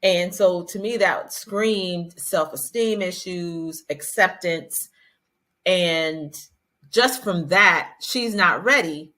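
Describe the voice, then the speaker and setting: A woman's voice: lowish voice, slow pace, bright, forceful tone. A woman hosting a podcast, chatting casually and animatedly, acting out quotes in a raised voice. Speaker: podcast host. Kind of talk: casual chat about a reality show.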